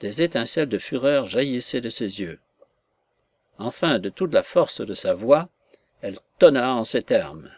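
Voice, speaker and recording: A man's voice: medium pitch, expressive, a little slow. Man narrating a classic novel.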